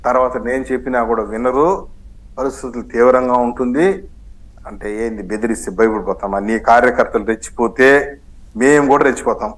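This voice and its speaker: Brief: man debate guest, mid pitch, sarcastic and combative, switches between languages. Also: fairly even intonation, normal speed, poor audio. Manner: combative, sarcastic, mixes in English phrases. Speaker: political party spokesman, debate guest. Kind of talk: heated TV news debate.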